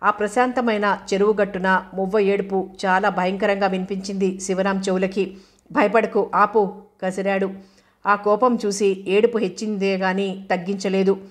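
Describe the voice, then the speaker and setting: A woman narrates a novel for an audiobook in a steady, level voice. Her pitch barely moves, and she keeps an even tone as she reads the characters' dialogue too. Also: moderate pace.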